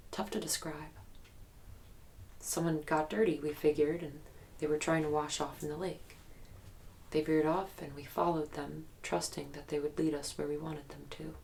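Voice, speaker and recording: This is a young, guarded woman from an investigative audio drama, speaking with uneasy, haunted hesitancy about a memory that still troubles her. The interview is naturalistic and documentary-like, her very low voice thick with fry, her reflective telling broken by pauses, and a little background noise is audible.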